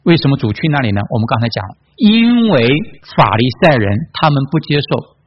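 A man's voice: medium pitch, sing-song, brisk, muffled recording. A man preaching a Bible study in a conversational way, reading scripture aloud and asking his listeners questions. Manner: conversational, many tag questions and fillers.

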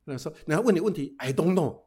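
A middle-aged man, a pastor, giving a humorous sermon, telling lively anecdotes peppered with casual tag particles and English phrases. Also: on the high side, quick pace, slightly rough. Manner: lively storytelling with frequent "哈" tags and English phrases.

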